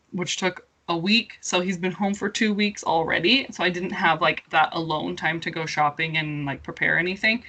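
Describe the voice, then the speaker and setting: Bright, chatty woman podcast co-host. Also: fairly low pitch. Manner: animated storytelling with frequent fillers and laughter. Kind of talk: casual chat.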